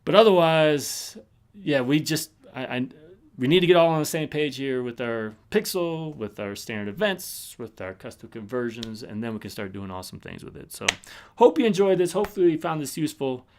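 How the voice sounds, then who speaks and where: A man's voice: medium pitch, lively intonation, fairly quick, a little mellow. A man presenting a live webinar and answering questions in a loose, casual way, stopping and restarting often, while he is losing his voice. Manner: casual, full of fillers and restarts.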